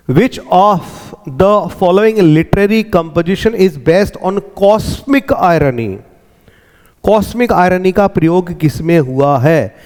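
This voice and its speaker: Slow, deliberate man teaching. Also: fairly high pitch, darkish tone, in a large hall. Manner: slow, explanatory, repeats words to drill pronunciation. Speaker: exam answer key teacher. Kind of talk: exam answer walkthrough lesson.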